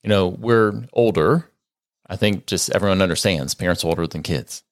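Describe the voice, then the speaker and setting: A man in his forties, co-hosting a parenting podcast in a relaxed, conversational way with joking asides. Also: low-pitched, normal speed, no echo, studio quality. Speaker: podcast co-host and co-parenting educator. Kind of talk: casual podcast chat.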